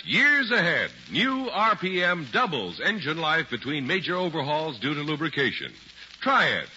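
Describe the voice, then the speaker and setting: Lively, higher-pitched American radio announcer, male. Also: slight background noise. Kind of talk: 1940s-50s radio announcing, scripted. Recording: muffled vintage radio recording with music.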